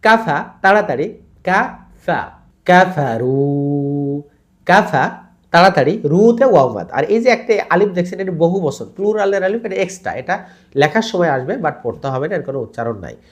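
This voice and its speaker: A man teaching Quran recitation rules, who sounds out syllables slowly and drawn out, explains quickly in between, and asks learners to repeat after him. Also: high voice, lively intonation. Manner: drills syllables slowly and stretched, then explains in quick bursts. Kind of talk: tajweed lesson.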